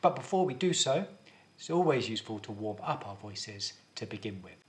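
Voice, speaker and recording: A male drama teacher giving a video lesson, explaining things clearly and guiding students step by step. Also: lowish voice, expressive, moderate pace.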